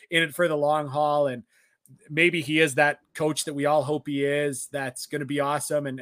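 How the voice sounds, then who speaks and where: A man's voice: fairly high pitch, fairly bright tone, no echo, clean studio sound. A man co-hosting a college sports podcast, talking casually and rambling with many fillers. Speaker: podcast co-host.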